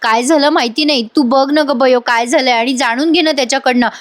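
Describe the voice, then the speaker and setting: A woman's voice: sits high, brisk, lightly acted. A woman reading the lines of an anxious young woman, urging and pushy.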